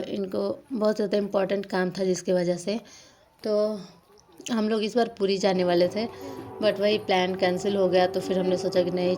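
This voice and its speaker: A woman's voice: medium pitch, darkish tone. A young adult woman narrating a casual vlog in a chatty, rambling way with lots of fillers. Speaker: vlogger.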